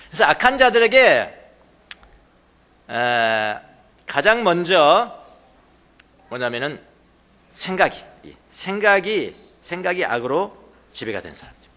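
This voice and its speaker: In a church sanctuary with big-room sound, a pastor with a high, bright, forceful voice preaches a sermon. He is emphatic, repeats key words and puts questions to the congregation.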